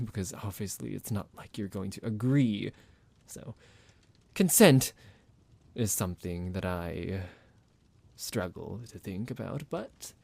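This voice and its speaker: In an ASMR roleplay, a man voices a possessive, condescending vampire doctor, measured and formal, menacing yet softly commanding. His voice is lowish and creaky, with no echo.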